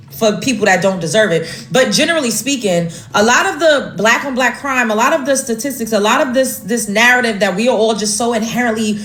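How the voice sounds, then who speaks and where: A woman's voice: fairly high pitch, fairly bright tone, roomy sound. An American woman giving emphatic casual commentary, stacking up complaints with fillers and restarts. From United States. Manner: emphatic, lists grievances, many fillers and restarts. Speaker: social media commentator.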